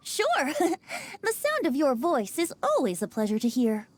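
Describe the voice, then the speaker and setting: A playful, wine-loving wind god in the form of a young bard in a video game. The voice sits high and swings through a lively sing-song range, teasing and often breaking into laughter. Faint game music runs underneath. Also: female voice, a little slow, full character voice. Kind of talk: video game character dialogue.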